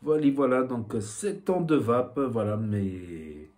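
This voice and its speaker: With big pitch swings, a slow pace and a darkish medium-pitched voice, this man talks casually into the camera for his vlog. A YouTuber from southwest France with the local accent, he rambles, leaning on fillers and a repeated "voilà".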